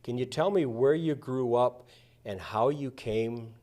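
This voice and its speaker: A male podcast host speaking casually and asking friendly questions in a studio. His pitch sits in the ordinary middle range. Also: measured pace, dark tone. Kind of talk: casual interview. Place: school digital arts studio.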